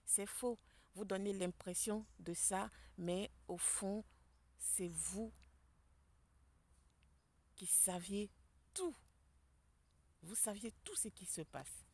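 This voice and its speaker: A woman giving a spiritual tarot reading to her viewers, speaking softly and quietly in a public place. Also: medium pitch, takes it slowly, pauses often. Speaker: tarot card reader. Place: public place outdoors with people nearby.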